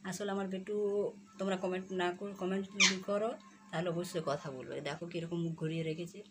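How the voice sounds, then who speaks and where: A woman's voice: little pitch movement, fast talker. Woman, pet vlogger, sore throat, coaxing baby talk, noisy home phone recording. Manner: coaxing baby talk to her parrot, rising high. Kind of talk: casual chat to viewers. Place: home kitchen. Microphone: phone camera.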